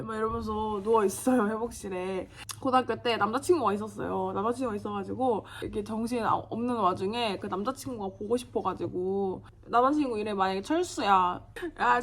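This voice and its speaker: A young woman vlogger casually telling a funny story about her own surgery while doing her makeup, chatty and animated, acting out the people in it with bursts of laughter. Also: fairly high pitch, slight background noise. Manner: chatty, animated, acts out quoted voices with laughter.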